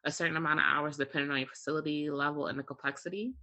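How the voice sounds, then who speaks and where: Talking very fast in a steady, sharp mid-range voice, an air traffic controller chats casually as an interview guest. He walks through things step by step using examples, with frequent "you know" and "like."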